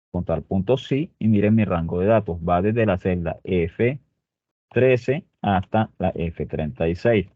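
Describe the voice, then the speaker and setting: This lower-voiced man teaches a spreadsheet lesson step by step, regularly checking on his students with "¿ok?" and "muchachos." The audio has no echo and a dry, tinny, phone-like quality.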